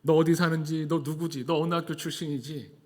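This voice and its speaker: A man's voice: a little high, steady tone, fairly quick, lightly acted. Man putting on a taunting legion demon. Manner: taunting, shouted threats. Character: boastful, menacing male legion demon. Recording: long hall reverb.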